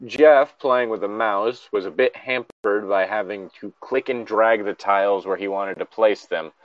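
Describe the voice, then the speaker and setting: Speaking a little slowly at fairly low pitch, this male co-host reads out and ridicules internet horror fiction in a jokey, casual commentary, exasperated and freely profane. The audio is dull and has no echo.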